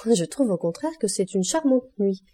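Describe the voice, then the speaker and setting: Gracious countess, animated, higher pitched, mellow dark timbre, as a woman reader puts her on, storybook. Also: moderate pace, husky, no room sound, studio quality. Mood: playful. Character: elegant society countess, lively and gracious.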